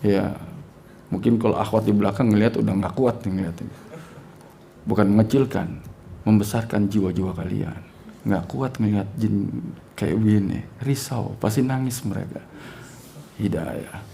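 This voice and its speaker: A man's voice: fairly low pitch, moderate pace, gravelly, mellow, a little hiss or hum. A man teaching a religious class, telling a story with acted-out dialogue and jokes.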